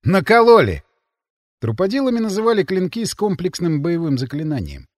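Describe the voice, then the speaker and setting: A man narrating first-person fiction in an expressive, dramatic reading. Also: on the high side, fairly quick, no room sound, studio quality. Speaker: audiobook narrator.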